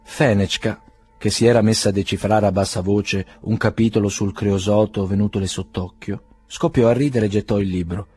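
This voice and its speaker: A man narrates a classic novel in a calm, measured manner. His voice is low and dark with a husky grain. Soft music plays faintly behind him. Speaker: audiobook reader. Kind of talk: scripted narration.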